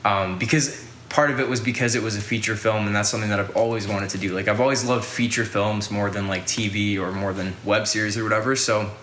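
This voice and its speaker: Young male podcast host, rambling and casual, bright voice in an echoey room. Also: fairly low pitch, steady tone, fast, a little hiss or hum. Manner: rambling, lots of "like" fillers and swearing. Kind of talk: casual storytelling.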